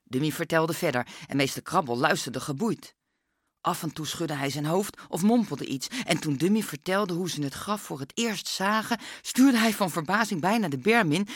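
A woman narrating a children's story in a lively, expressive way. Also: fairly low pitch, no room sound, clean studio sound. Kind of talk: children's book reading.

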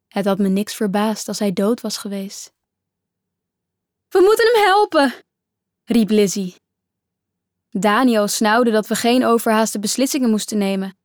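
A woman narrating a story in the first person, measured and suspenseful, often dropping to a hushed voice. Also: mid-range voice, no room sound, clean studio sound.

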